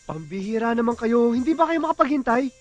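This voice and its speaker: Easygoing young student Miguel. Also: male voice, extremely high pitch, lively intonation, fairly quick, faint music behind. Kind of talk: film drama acting.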